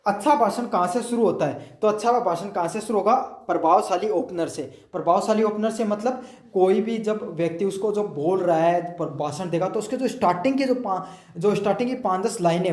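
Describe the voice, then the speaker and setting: A man's voice: sits high, darkish tone, roomy sound. A male teacher going through exam questions, explaining each answer and checking with the students.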